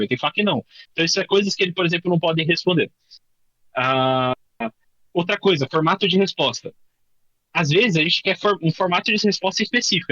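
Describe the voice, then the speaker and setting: Bright-voiced Brazilian man teaching a workshop. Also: fairly high pitch, dry recording, highs cut off. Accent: Brazilian Portuguese. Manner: informal, many restarts, thinking aloud while demoing; says he tends to talk fast. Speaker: workshop instructor. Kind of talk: live coding workshop explanation.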